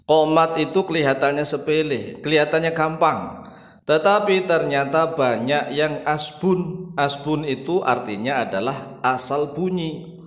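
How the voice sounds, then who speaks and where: Man teaching, echoey reverberant room. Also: fairly high pitch. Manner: explains patiently, then chants phrases slowly in demonstration. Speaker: religious teacher. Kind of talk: instructional explanation with chanted demonstrations.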